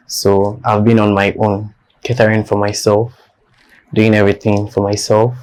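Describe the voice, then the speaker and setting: A young man from northern Nigeria, speaking with a Nigerian accent, gives a candid interview as a guest. He is blunt and defiant and repeats his points for emphasis. His voice is lowish, level and slightly mellow, at a normal speed.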